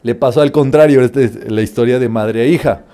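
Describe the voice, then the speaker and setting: A man's voice: mid-range voice, brisk. A man giving a spiritual teaching talk, telling stories and rising emphatically on each numbered step. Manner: lively storytelling, rising emphatically on numbered steps. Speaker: metaphysics teacher.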